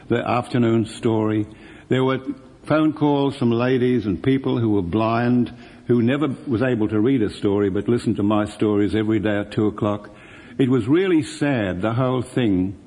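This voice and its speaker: A man's voice: mid-range voice, darkish tone, in a large hall. An older man, a retired radio presenter telling stories and acting out both sides of old conversations. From Australia. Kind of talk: reminiscing storytelling.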